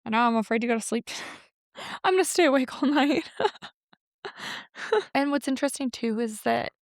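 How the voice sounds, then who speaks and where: Woman guest, casual chat, slightly higher voice with some vocal fry, quick reactions. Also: no room sound, clean studio sound. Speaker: podcast guest.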